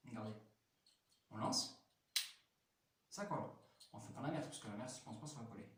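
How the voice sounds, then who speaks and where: A man's voice: mid-range voice, animated, a little fast. A man chatting casually while reviewing a toy, rambling with lots of fillers and restarts, enthusiastic. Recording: very echoey room, mic at a distance, faint noise.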